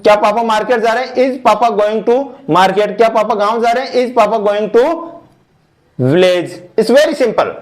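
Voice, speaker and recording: Slow-talking teacher. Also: male voice, high voice. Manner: slow, repeats each step, mixes English into Hindi. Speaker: English teacher. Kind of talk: online grammar lesson.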